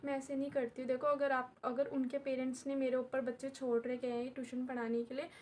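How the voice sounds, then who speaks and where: Young female vlogger, high voice, chatty and repetitive, unwell and in pain, faint background hiss. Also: level tone, a little fast, a little mellow. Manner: chatty, repeats herself, addresses viewers as guys. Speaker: vlogger and tuition teacher. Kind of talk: casual vlog talk to camera. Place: at home while her mother does her hair.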